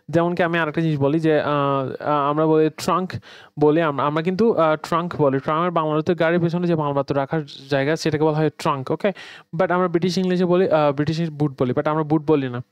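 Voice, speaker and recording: Bangladeshi male English teacher, chatty lesson delivery, clear tone, dry recording. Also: fairly high pitch, steady tone, a little fast, no echo. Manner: conversational, mixing English words into explanations. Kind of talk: online grammar lesson.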